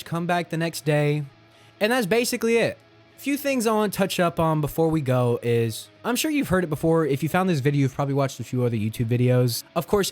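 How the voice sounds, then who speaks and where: A man giving a casual, informal, encouraging lesson to viewers as a vocal coach. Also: a little high. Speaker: vocal coach in metal screaming. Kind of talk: casual instructional talk to viewers.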